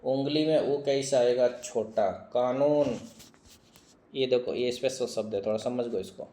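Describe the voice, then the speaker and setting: A man teaching Hindi spelling, reading word after word slowly, repeating each one and asking questions he answers himself. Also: mid-range voice, dark tone, roomy sound. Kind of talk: online exam-prep lesson.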